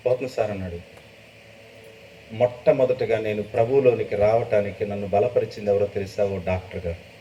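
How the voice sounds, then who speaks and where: A man's voice: steady tone, brisk. Middle-aged man, emotional sermon testimony, distant mic, dull faintly noisy sound. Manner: emotional storytelling, rising to loud high bursts. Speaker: preacher. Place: church gathering.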